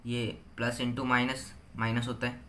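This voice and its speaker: Teen boy slowly talking through math. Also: medium pitch, monotone, fairly bright tone, slight background noise. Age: teens. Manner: slow, step-by-step, reads numbers out one by one. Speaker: student tutor. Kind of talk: explaining a physics problem.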